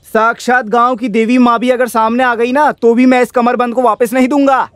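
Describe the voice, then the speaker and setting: A man's voice: extremely high pitch, flat delivery, normal speed, fairly bright tone, dry recording. A man dubbing a stubborn old landowner in a film, talking in a defiant way and repeating himself. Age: older. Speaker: dub actor. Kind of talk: film dub acting.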